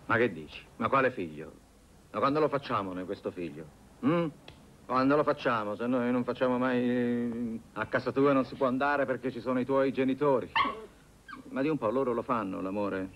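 An actor playing a panicky, blustering young lover who talks excitably and mutters asides to himself. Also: male voice, mid-range voice, moderate pace, dull audio, natural voice. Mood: frantic. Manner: frantic, excitable, mumbling asides. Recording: noisy old film soundtrack.

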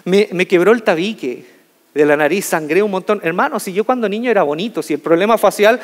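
A man telling a humorous personal story to an audience as a motivational speaker, in an animated, jokey way, stretching out key words. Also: high-pitched, brisk. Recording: reverberant hall.

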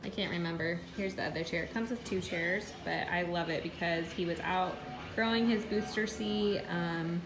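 A woman's voice: on the low side, moderate pace. Young female vlogger, casual phone-camera chat at home, echoey room, music bed. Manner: chatty, upbeat, talks to her toddler in between. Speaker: vlogger and mom. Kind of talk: casual vlog talk to camera. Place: home kitchen and living room. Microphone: phone camera held at arm's length.

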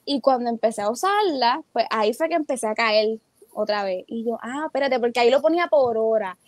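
A woman's voice: a little high, animated, fairly quick, no echo. A young adult woman, a teacher and entrepreneur, telling stories as a guest in a casual interview and acting out her own quoted thoughts.

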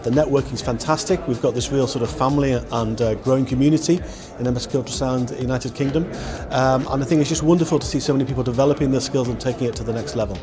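A man's voice: medium pitch, fast talker, hardly any pauses. A man speaking as a company representative in a polished promotional interview. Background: music bed.

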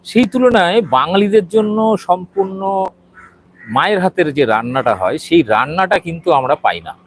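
A man's voice: high voice, lively intonation, moderate pace, a little hiss or hum, rough recording. A middle-aged man doing a walking video report, hesitant and full of fillers, showing viewers around a small restaurant. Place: outside and inside a small restaurant.

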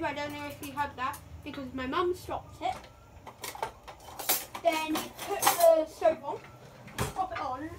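A high-pitched young girl rambles cheerfully through a home cooking vlog, correcting herself mid-sentence. She talks slowly, recorded on a phone in a kitchen with a faint hum behind her. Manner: chatty, rambling, self-correcting.

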